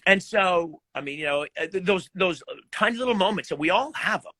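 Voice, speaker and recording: A man's voice: high voice, fairly quick, no echo. A middle-aged man, a guest musician, telling stories in a casual live video chat and laughing often. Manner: animated, laughing storyteller.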